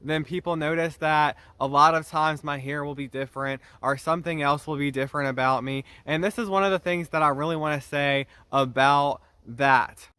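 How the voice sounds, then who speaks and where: A young man talks straight to the camera about his own channel, earnest and a little defensive as he explains himself. His voice sits a bit high for a man and has a bright, forward edge. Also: smooth, dry recording. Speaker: YouTube channel host. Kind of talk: direct-to-camera vlog talk.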